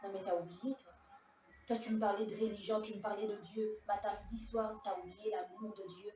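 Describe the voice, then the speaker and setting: A woman's voice: mid-range voice, steady tone, brisk, warm tone, soft background music, natural voice. A woman voicing an earnest churchwoman who reproachfully lectures a friend about loving one's enemies. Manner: reproachful, preachy. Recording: echoey room from a distance.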